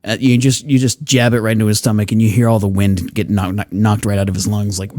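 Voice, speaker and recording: A man's voice: on the low side, level tone, quick pace, warm tone, dry recording. A man narrating a tabletop game as game master, casual and laughing often between descriptions.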